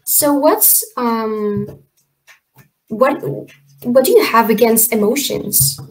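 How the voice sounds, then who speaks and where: A woman in her twenties talks on a video chat from a room at home. Her voice sits a bit high. She is expressive and argues her point with energy. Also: slow. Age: 20s. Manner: expressive, animated, argumentative. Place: room indoors.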